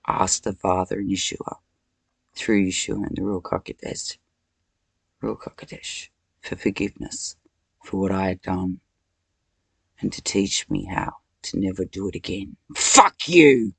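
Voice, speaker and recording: A woman giving a rambling spiritual monologue and prayer, slow and deliberate, breaking into sudden loud curses. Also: a bass voice, completely flat delivery, gravelly, slightly rough, dry recording. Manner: guides slow breathing while chanting names. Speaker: spiritual video maker.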